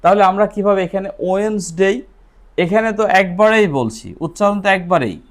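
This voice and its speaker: A man's voice: high-pitched, moderate pace. A man teaching English pronunciation at a board, mixing Bengali and English, spelling words letter by letter and asking and answering his own questions. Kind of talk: classroom-style lesson at a board.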